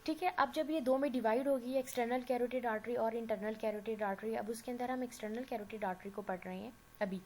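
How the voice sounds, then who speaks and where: A woman's voice: fairly high pitch, fairly even intonation, fast, few pauses, a little mellow, low-quality recording. A woman with a sore throat giving an anatomy lecture, explaining patiently, checking in with her students and mixing in English medical terms. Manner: explanatory, often checks in with "theek hai". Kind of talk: recorded classroom lecture. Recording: faint background noise.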